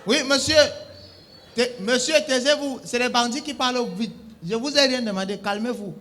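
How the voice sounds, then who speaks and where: A man's voice: extremely high pitch, moderate pace, pushed and bright, a little hiss or hum. A young adult man performs a comic one-sided phone-call sketch. He plays a bossy emergency operator who scolds his callers in mock-official phrasing. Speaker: comedian.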